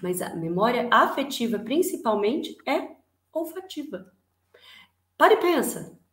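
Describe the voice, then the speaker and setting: A Brazilian woman teaches a class in a bright, slightly high voice. She talks in an animated way and keeps putting rhetorical questions to her listeners. Her voice carries a roomy echo. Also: measured pace. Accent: Brazilian Portuguese. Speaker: teacher giving an online class. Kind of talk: lively spoken lecture. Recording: echoey room.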